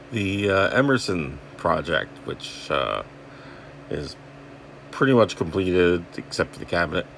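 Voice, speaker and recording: A low male voice comes through with a little hiss or hum. He's a radio repair video host, casually rambling and thinking aloud in salty, informal language as he examines equipment hands-on.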